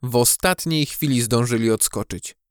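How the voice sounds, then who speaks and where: A man narrating a children's storybook audiobook with expressive, measured storytelling on a close studio mic. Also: mid-range voice, no echo.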